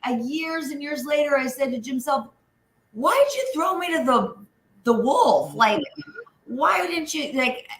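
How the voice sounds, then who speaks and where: A woman's voice: high voice, measured pace, a bit bright. A woman co-hosting a podcast, reminiscing in a chatty, casual way. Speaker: podcast co-host. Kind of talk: casual chat. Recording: echoey room, faint background noise.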